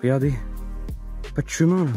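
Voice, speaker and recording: A young man films himself on a mountain trail and talks to his viewers in a loose, rambling way full of fillers and restarts. He sounds tired and low on spirits. It is recorded on a handheld phone out of doors. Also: a little fast, dark tone, soft background music. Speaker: hiking vlogger. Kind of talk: casual vlog to camera while trekking.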